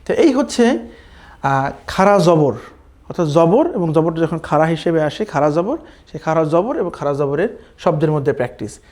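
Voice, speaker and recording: A man from Bangladesh teaching Quran reading in a recorded online class, slowly drawing out practice syllables and often checking in with his students. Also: a little high, sing-song, darkish tone. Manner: slow drawn-out recitation drills, then brisk explaining with "কেমন?" checks.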